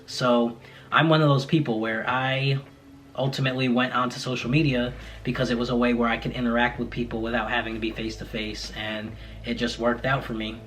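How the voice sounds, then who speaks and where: A man's voice: medium pitch, a bit bright. A man in his late twenties, talking to camera in a casual vlog, candid and reflective with frequent fillers. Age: 20s. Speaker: content creator.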